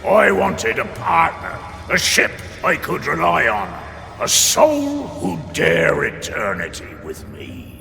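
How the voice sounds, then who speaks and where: Game role: brooding male pirate captain, solemn and haunted, very gravelly, drawn-out lines, cavernous reverb. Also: mid-range voice, wildly swooping pitch, pushed and bright, heavily acted. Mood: earnest, insistent. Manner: slow, dramatic, weighty. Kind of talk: video game dramatic acting. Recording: long reverb with music behind.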